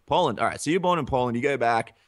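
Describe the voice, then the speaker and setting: A man's voice: medium pitch, quick pace, dry recording, clean studio sound. A man co-hosting a casual podcast chat, playful and teasing. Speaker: podcast co-host.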